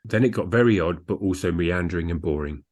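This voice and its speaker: Here a man with a deep, darkish voice talks fairly quickly. He's one of the co-hosts of a book podcast, tossing out blunt opinions in relaxed discussion and occasionally reading reviews aloud.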